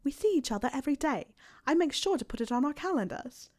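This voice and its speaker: A woman reading aloud, voicing a clever, bossy teenage witch who is prim and quick to lose patience. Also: high voice, animated, a little mellow, pitched above the performer's own voice. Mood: exasperated. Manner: prim, exasperated, quick-tempered.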